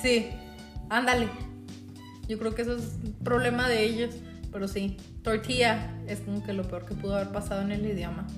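This young Mexican podcast co-host, who has a Mexican accent, talks in a mid-range voice with a steady tone at a moderate pace. Her casual storytelling is chatty and loaded with filler words. Music plays behind her in a recording with a roomy echo.

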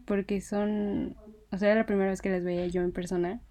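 Mellow-voiced young Mexican woman. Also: medium pitch, brisk. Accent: Mexican Spanish. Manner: excited, laughs often, many fillers. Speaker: fan telling a story. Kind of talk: casual storytelling.

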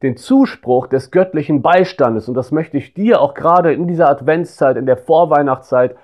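A man's voice: a little high, expressive, normal speed, highs cut off. A man preaching a devotional sermon, earnest and pastoral, speaking straight to his listeners. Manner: earnest and pastoral, grows quiet and intimate; addresses listeners directly.

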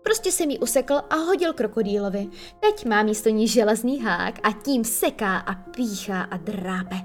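A woman's voice: mid-range voice, animated, soft background music, close to an everyday voice. A woman voicing Peter Pan, a boastful, moody boy who talks in a proud, matter-of-fact way.

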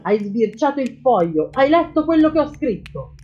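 A woman's voice: high-pitched, sing-song, normal speed, muffled recording, voice pushed up. A woman reading an audiobook, voicing a boastful, bullying father who deals in cars. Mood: angry. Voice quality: loud, bullying, self-satisfied. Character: blustering boastful father, a crooked car dealer.

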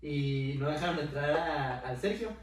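A man's voice: on the high side, a little slow. A young man from Mexico, co-hosting a podcast in slangy casual chat. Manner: slangy, laid-back storytelling. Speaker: podcast co-host. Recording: echoey room, mic at a distance.

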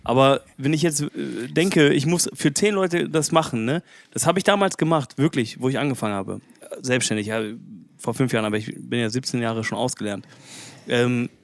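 Thirties male host, gravelly, dry close sound, chatty. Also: medium pitch, moderate pace, no echo. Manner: chatty, frequent tag "ne?". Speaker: podcast host and chef. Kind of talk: casual podcast chat.

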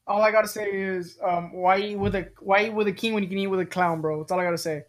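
A man's voice: high voice, fairly even intonation, quick pace. A young man bantering casually as a podcast co-host, teasing his friends in slangy bro talk.

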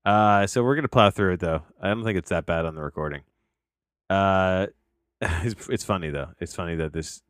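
Low-pitched yet a bit bright, this man's voice comes through at studio quality with no room sound. He's a podcast host in his late thirties reviewing a documentary from home with headphones on as a tree crew works outside, rambling, cutting himself off, restarting sentences, and cursing frequently.

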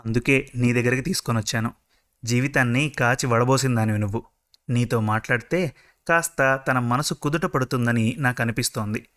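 A man's voice: medium pitch, moderate pace, a bit bright, lightly acted. A man voicing a worried middle-aged mother in a told story, explaining things earnestly.

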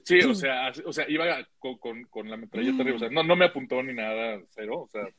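A young man with a Mexican accent telling a story in a casual group chat, full of slang, jumping his pitch to act out the people he quotes. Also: animated, quick pace, fairly bright tone, no room sound. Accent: Mexican Spanish. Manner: slangy, acts out quoted voices with big pitch jumps.

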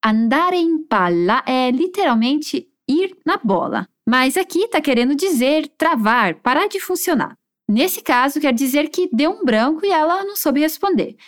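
Woman, language teacher, high and animated, slows down to model phrases. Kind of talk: language lesson.

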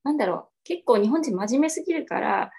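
Woman, podcast co-host, quick chatty delivery, lots of fillers. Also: fairly high pitch, expressive, vocal fry, darkish tone, breathy edge. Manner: chatty storyteller, many fillers and laughs. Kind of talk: casual chat.

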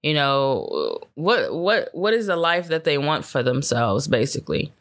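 A woman's voice: deep voice, big pitch swings. A woman hosting her own podcast in a casual solo chat, tired, swearing heavily and rambling in laid-back slang with lots of fillers. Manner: laid-back, unhurried talk with frequent fillers. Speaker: podcast host.

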